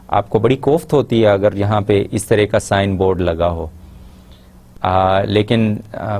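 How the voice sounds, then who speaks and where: A man with a Pakistani accent giving a lecture in Urdu, pausing to read out English example sentences slowly and carefully. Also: lowish voice, darkish tone. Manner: explains in Urdu, models English phrases slowly and deliberately. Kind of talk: classroom lecture.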